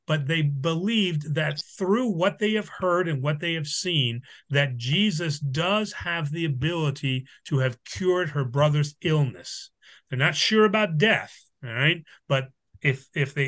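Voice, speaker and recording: A man, a priest leading a Bible study, teaching in a casual, halting way with many fillers and restarts. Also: on the high side, fairly bright tone.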